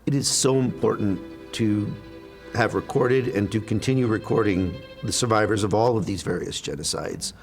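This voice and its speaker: A man's voice: fairly low pitch, moderate pace, gravelly, faint music behind. A man interviewed as a foundation representative, explaining in a reflective way with occasional fillers.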